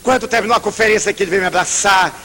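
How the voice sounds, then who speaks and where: A man's voice: high-pitched, racing. An older man giving an emphatic public lecture, telling a story and acting out its dialogue. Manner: animated, emphatic, acts out dialogue. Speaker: spiritist lecturer. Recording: reverberant hall with faint hum.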